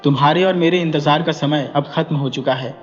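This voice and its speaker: A man's voice: a little high, fairly quick, close to an everyday voice. A man voicing a brash leering village headman. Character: lecherous middle-aged village headman, brash. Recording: dull echoey recording with music.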